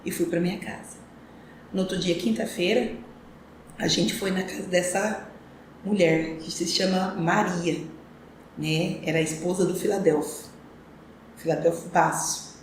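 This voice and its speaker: A woman's voice: on the low side, steady tone, unhurried, long pauses. A woman, a podcast interview guest telling her life story in an earnest, reflective, rambling way. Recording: echoey room with faint ambient noise.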